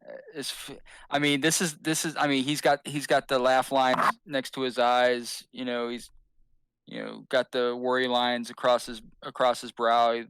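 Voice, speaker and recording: A man's voice: medium pitch, level tone, normal speed, a bit bright, clean tone, dry recording. A man narrating as game master in a tabletop game, rambling and hesitant with fillers.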